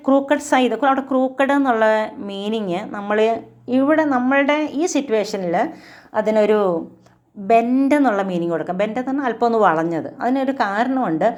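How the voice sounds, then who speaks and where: A woman with a Malayali accent teaching an English poem. She reads the lines slowly and then explains them in quick, chatty bursts, asking herself questions. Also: a little high, animated, a little mellow. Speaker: literature teacher.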